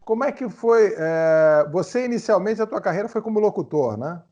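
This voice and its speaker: A male interviewer asks leading questions, often tagging on a teasing aside. His voice sits a touch high for a man and comes through muffled, with lo-fi audio that lacks sparkle. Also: expressive, moderate pace, darkish tone. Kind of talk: casual interview chat. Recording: dull lo-fi audio.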